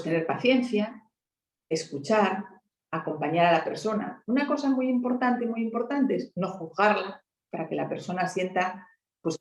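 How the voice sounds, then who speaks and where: A woman's voice: medium pitch, echoey room, poor audio. A woman from Asturias with a Spanish accent in a conversational talk, explaining patiently and peppering her points with tag questions. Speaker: helpline volunteer speaker.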